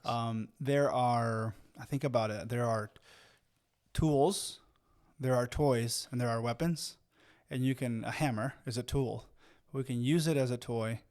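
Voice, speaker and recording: A man's voice: medium pitch, steady tone, unhurried, a little mellow. Rambling storytelling man from Mexico. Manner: rambling storyteller with many fillers and restarts. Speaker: podcast co-host. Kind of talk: casual storytelling chat.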